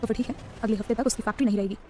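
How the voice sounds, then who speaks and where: A woman's voice: fairly high pitch, steady tone, racing, a little mellow, soft background music, close to an everyday voice. A woman voicing a stern, angry young man who speaks coldly and gives orders. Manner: cold, harsh, commanding.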